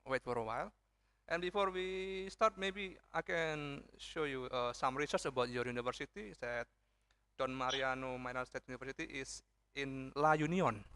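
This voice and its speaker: A man's voice: medium pitch, moderate pace, pushed and bright, clear, resonant tone. A man with an Indonesian accent hosting a live conference as moderator, in simple, hesitant phrasing.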